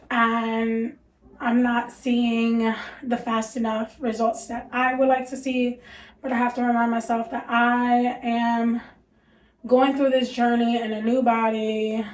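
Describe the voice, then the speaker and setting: This rough, echoey recording features a young American mom and vlogger whose high-leaning voice has a darkish tone. Congested from allergies, she chats openly to camera, leaning on lots of fillers.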